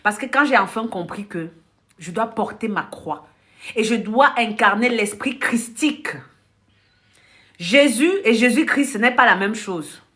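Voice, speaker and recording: A woman's voice: fairly high pitch, a little slow. A woman from Africa, a life coach, telling stories on a live stream. She laughs often, acts out conversations and talks bluntly to her viewers. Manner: animated storytelling with frequent laughter, acting out dialogue; blunt, direct addressing of the audience. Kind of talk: casual live-stream monologue.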